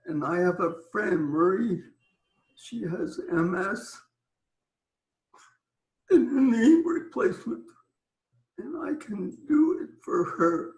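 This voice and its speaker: A man on a video call giving a tearful, halting personal testimony. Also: high voice, animated, darkish tone, reverberant, poor audio. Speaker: community member.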